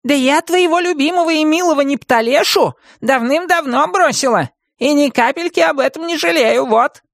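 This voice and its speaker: For an audiobook, a woman voices a furious old witch who scolds, shrieks, and drags out her angry words. She pitches her voice high, above her natural register, with lively intonation, an unhurried pace, and a slightly bright tone in clean studio sound with no room noise.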